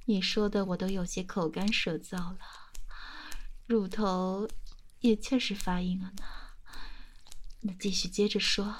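A woman performing a teasing adult ASMR roleplay close to the mic, often dropping to a breathy whisper. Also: medium pitch. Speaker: solo audio roleplay performer.

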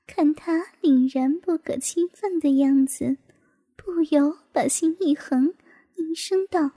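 A woman reading a martial arts novel aloud in a hushed, half-whispered narration. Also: sits high, slow pace, dry recording. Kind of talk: storybook narration.

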